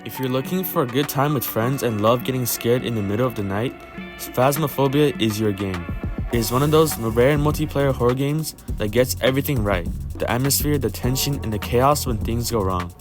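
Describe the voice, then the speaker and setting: A man narrates a scripted video game review as the host of the channel. His voice sits at an ordinary middle pitch. Faint music plays behind him. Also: fairly quick.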